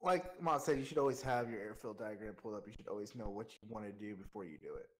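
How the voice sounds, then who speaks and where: This man talks fast in a lowish voice, casually explaining things like an informal coach and walking through examples. He is an air traffic controller coaching a flight sim player.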